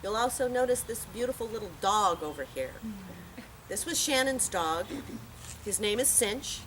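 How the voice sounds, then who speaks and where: With a medium-pitched, slightly bright voice, a woman speaks animatedly at a moderate pace as she gives a heartfelt, plain-spoken eulogy, telling stories throughout. The outdoor park memorial gathering is full of noisy ambient sound.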